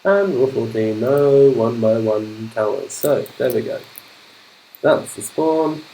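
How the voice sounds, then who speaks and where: Mellow-voiced upbeat English teacher, polished London accent. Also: male voice, medium pitch, lively intonation, a little hiss or hum, poor audio. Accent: polished London English, not Cockney. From London, England. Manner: speaks slowly and clearly for learners; upbeat, keeps saying fantastic. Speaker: English teacher streaming a game. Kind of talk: livestreamed gameplay commentary.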